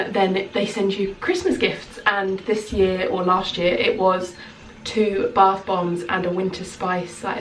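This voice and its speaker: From a small bedroom at home, a woman in her thirties who works as a skincare consultant talks chattily to camera, hands moving as she speaks. Her medium-pitched voice is slightly nasal from a cold, with slight background noise, roomy echo and a slightly distant mic.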